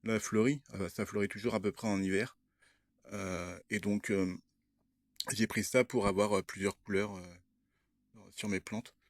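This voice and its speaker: A man's voice: fairly low pitch, steady tone, unhurried, pauses often, dry recording, clean studio sound. Hesitant man rambling through his purchases. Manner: hesitant, many fillers and restarts. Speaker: vlogger. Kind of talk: casual show-and-tell vlog.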